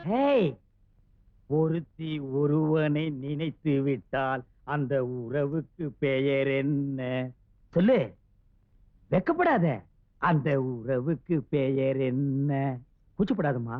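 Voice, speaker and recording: An actor playing a TV shop owner who speaks in theatrical, hammy comic film dialogue. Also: male voice, on the high side, very animated, full character voice. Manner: theatrical, hammy, swings between slow and rushed. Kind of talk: 1990s film comedy dialogue. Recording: dull, dry old film soundtrack.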